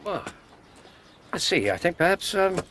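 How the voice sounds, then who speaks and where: An actor playing a genial, easily astonished Victorian doctor with an English accent and a courteous, bemused manner in a radio drama. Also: male voice, sits high, sing-song, measured pace, fairly bright tone, slight background noise, exaggerated voice.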